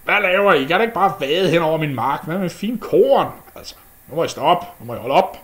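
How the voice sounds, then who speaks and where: A man voicing an indignant male harvest god in a storybook, who shouts high and upset at trespassers. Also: animated.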